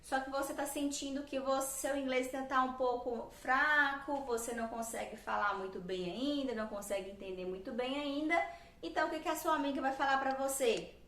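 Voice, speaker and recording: A woman with a Brazilian Portuguese accent teaching English grammar, who patiently repeats her examples slowly and keeps checking in with her listeners. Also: high-pitched, a bit bright. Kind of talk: explaining grammar on a whiteboard lesson. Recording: echoey room, voice from a distance.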